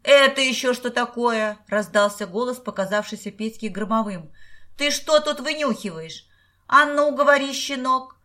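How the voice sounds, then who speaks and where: Gruff thug, bullying, raises his voice, read by a woman. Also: mid-range voice, normal speed, a bit bright, close to an everyday voice. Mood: menacing. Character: rough grown man, threatening thug.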